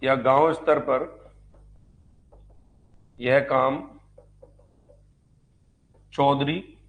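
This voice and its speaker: Speaking extremely slowly in a steady, mid-range voice, a man delivers a live online history lecture for exam prep. He teaches conversationally, repeating the main points and asking rhetorical questions.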